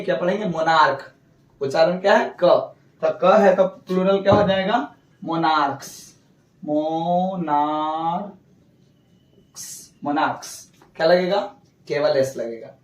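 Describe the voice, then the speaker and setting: A man's voice: sits high, normal speed, reverberant, recorded from a distance, rough recording. A male teacher explaining English grammar rules, asking questions and answering them himself. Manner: repeats rules, asks and answers own questions. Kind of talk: classroom lesson.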